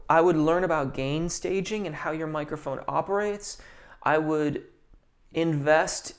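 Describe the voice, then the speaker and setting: A vocal coach with a voice on the high side fields viewers' questions during a relaxed, chatty live stream. He says um a lot and often restarts his sentences.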